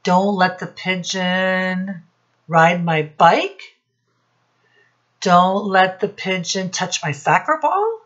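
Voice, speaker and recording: In a slightly dull home recording, an American woman with a lowish, somewhat bright voice runs a storytime lesson for little ones. As a children's teacher and read-aloud host in her home office classroom, she's expressive and unhurried, explaining things, asking questions and speaking directly to the kids.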